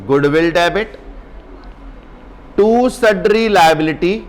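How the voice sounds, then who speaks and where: A male accounts teacher in a brisk exam-prep lecture, teasing and urging his students on. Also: high-pitched.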